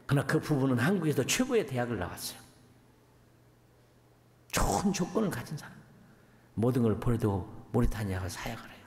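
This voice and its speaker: A man's voice: mid-range voice, a little fast, pauses often. A middle-aged man, a missionary preacher, telling family stories in a folksy, anecdotal sermon. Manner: folksy, anecdotal, animated storytelling. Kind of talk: storytelling sermon. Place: church sanctuary. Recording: echoey church hall with long reverb.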